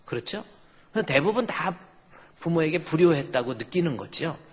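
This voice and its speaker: A middle-aged male pastor preaches with a husky, slightly higher voice. He gives an emphatic sermon and puts on voices for churchgoers' stubborn replies. His voice rings with long reverb through a church hall. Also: lively intonation, normal speed. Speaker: senior pastor. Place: church sanctuary.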